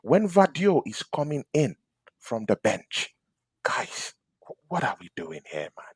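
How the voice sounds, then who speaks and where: A man hosting a fan debate show, ranting passionately about his team and swinging between loud outbursts and quiet asides. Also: medium pitch, huge pitch swings, measured pace, husky, no echo. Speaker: fan channel host. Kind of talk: heated football fan debate.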